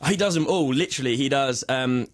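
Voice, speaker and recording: A man's voice: mid-range voice, a little fast. A man, a musician guest, chatting in a casual radio interview, laid-back and rambling.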